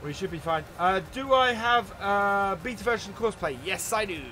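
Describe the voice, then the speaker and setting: A man's voice: high voice, moderate pace, bright, forceful tone, slight background noise. A man hosting a live gameplay stream, chatting casually and greeting viewers by name while he plays. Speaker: livestream host.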